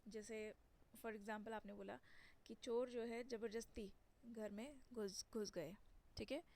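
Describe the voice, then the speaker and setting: A young woman teaching English phrasal verbs in Hindi, repeating each word slowly with emphatic stress. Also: on the high side, fairly even intonation, a little mellow. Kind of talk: slow Hindi-English vocabulary lesson.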